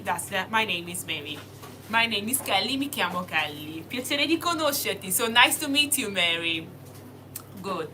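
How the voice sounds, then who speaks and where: Bright-voiced young woman teaching slowly. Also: mid-range voice, a little hiss or hum. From Italy. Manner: slow, deliberate, spells out words. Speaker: language teacher. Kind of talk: casual video lesson.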